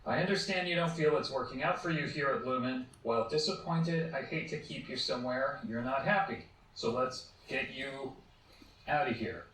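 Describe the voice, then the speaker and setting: An actor playing a patient office supervisor. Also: male voice, mid-range voice, moderate pace, slight background noise, lightly acted. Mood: placating. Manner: gentle, patient, placating. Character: calm, polite office supervisor man. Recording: distant, echoey clip audio.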